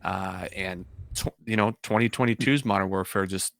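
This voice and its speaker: Casting note: man, lower voice with a bright, forceful edge, dry close sound, upbeat gaming talk. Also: steady tone, moderate pace, vocal fry, dry recording. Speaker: podcast co-host. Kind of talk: casual chat.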